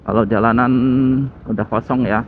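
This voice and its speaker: A man's voice: on the low side, steady tone, moderate pace. A man chatting casually as he rides a motorbike through city traffic, recorded on a phone with a headset mic. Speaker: motovlogger. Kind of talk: casual motovlog commentary while riding. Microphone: phone with a homemade headset mic. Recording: tinny phone-like audio with faint road noise. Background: traffic and engine noise.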